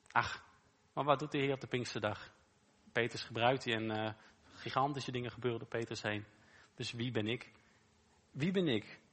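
A man preaches in an easy, conversational way with a bright, forward tone. He asks his listeners rhetorical questions and repeats short phrases for emphasis. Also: mid-range voice. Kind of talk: informal sermon.

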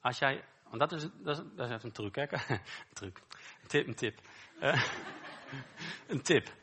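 Bright-voiced man preaching informally. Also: mid-range voice, lively intonation, measured pace, slight background noise. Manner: conversational, repeats words, asks rhetorical questions. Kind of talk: informal sermon.

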